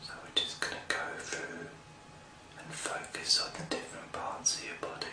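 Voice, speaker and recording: Male hypnosis guide, soothing whisper as if right in your ear, unhurried short phrases, roomy sound. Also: far from the mic. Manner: close, intimate whispering as if right in the listener's ear. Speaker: hypnosis session host.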